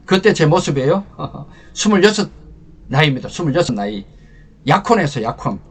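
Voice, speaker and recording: An older man, a lecturer and channel host, tells an emotional personal war story as a leadership talk, swinging from loud to hushed. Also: fairly high pitch, husky.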